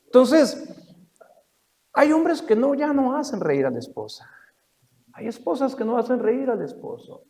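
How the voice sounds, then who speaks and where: High-pitched preacher in echoing hall. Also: male voice, unhurried, long pauses. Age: older. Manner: animated storytelling, swings from loud to soft. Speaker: pastor. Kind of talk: sermon. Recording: long reverb of a church hall.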